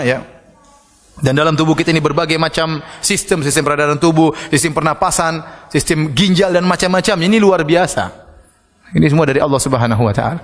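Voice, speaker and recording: A man preaching a sermon in a casual, conversational way, telling stories and acting out the dialogue loudly. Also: fairly high pitch, long reverb tail. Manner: animated, acts out quoted dialogue with loud shouts. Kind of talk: sermon with storytelling.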